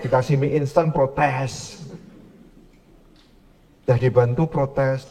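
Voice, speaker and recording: A man giving a parenting lecture to a live audience, animated and telling stories as he preaches. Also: takes it slowly. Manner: animated, acts out quoted parents in higher voices.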